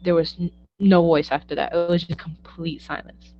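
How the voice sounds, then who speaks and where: A woman's voice: lowish voice, moderate pace, highs cut off, slight background noise. A young woman, a psychic medium guest, telling stories in a casual interview and acting out the quoted dialogue. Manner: animated, acts out quoted dialogue, laughs often.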